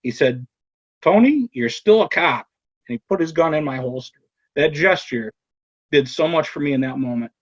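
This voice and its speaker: A man, a former police officer, recounting a deadly encounter in a podcast interview, pausing and repeating himself, raising his voice when he quotes what others yelled. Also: mid-range voice, dry recording, dull audio. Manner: halting, repeats words, many pauses and ums; quotes shouted commands in a raised voice. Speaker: retired police officer telling his story. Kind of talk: personal account in a podcast interview.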